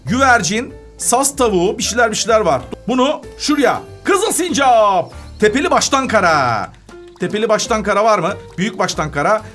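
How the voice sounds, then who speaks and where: A woman's voice: mid-range voice, sing-song, a little fast, fairly bright tone, soft background music. A woman hosting a children's gaming channel, chatting playfully through a game, humming little tunes and giggling. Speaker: kids' gaming channel host.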